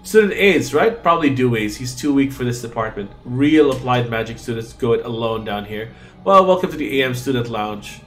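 A man's voice: mid-range voice, animated, fairly quick, lightly acted. A man voicing a blunt, dismissive combat-magic student in a fantasy game.

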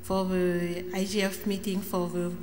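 Hesitant French-speaking West African woman, slow delivery. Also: lowish voice, level tone, over music. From Mali, West Africa. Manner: nervous, hesitant, searching for words. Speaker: panel presenter. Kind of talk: halting presentation in a second language. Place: large conference room. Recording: echoey hall with background noise.

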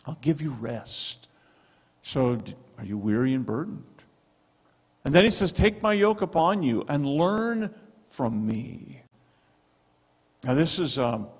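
Animated middle-aged pastor preaching. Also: male voice, medium pitch, husky. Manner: animated, emphatic preaching with hand gestures. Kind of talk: sermon. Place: church sanctuary with stone wall and projection screen. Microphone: handheld microphone. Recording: long hall reverb.

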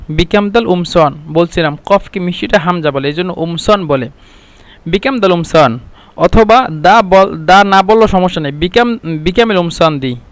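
Guy with a high voice teaching phrases, says them over and over then explains, dry close sound. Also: no room sound. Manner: repeats each phrase slowly and translates it. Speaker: Arabic language teacher. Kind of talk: explaining Arabic phrases in Bengali.

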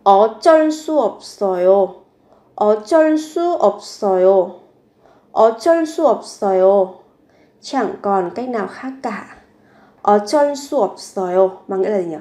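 A woman's voice: medium pitch, expressive, brisk, mellow. Woman teacher repeating phrases patiently. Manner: repeats each phrase three times, then explains; asks rhetorical questions while explaining. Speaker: Korean language teacher. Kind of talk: language lesson narration.

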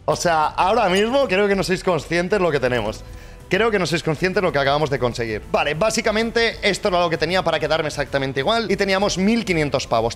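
A man from Spain commentating his case openings, swearing often and swinging from low mutters to loud cheers. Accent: Spain Spanish. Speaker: gaming streamer. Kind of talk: casual commentary while opening cases.

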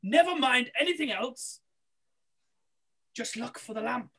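During a read-through on a video call from home, a woman voices a scheming, impatient male pantomime villain, theatrical and insistent with a coaxing edge. Her full character voice is highish, animated, sharp and husky, at a measured pace.

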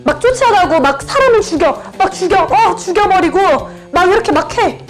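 Woman, high voice, game clues, repetitive, animated. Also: moderate pace, over music. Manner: animated, repeats words over and over. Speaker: channel host. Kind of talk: describing clues in a party guessing game.

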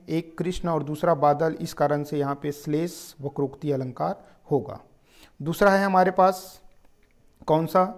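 A male teacher giving a grammar lesson, explaining step by step and repeating example phrases with changed intonation to show their meaning. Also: fairly high pitch.

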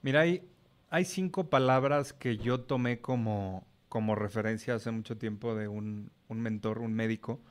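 A man's voice: fairly low pitch, moderate pace, clear, resonant tone. Frank Mexican man, casual swearing. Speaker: podcast guest. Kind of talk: casual chat.

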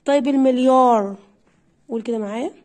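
A woman's voice: sits high, a little fast, darkish tone. A young woman with an Egyptian Arabic accent, teaching a primary English pronunciation lesson, coaxing her listeners and drilling words by repeating them.

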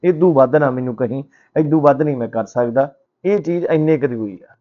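A man's voice: medium pitch, a little fast, lo-fi sound, natural voice. A man voicing a rich merchant who bargains firmly over a price. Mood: bargaining. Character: rich male merchant, haggling and firm.

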